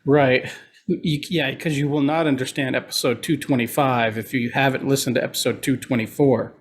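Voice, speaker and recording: A man with a nasal voice co-hosting a casual podcast, relaxed and chatty with lots of fillers. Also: mid-range voice, moderate pace, breathy edge. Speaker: podcast co-host.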